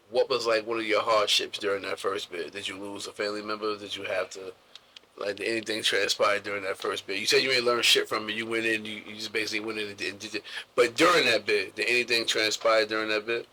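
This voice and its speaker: Male interviewer, low monotone, bright tone, slangy rambling questions. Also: rough recording. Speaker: podcast host. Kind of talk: casual interview.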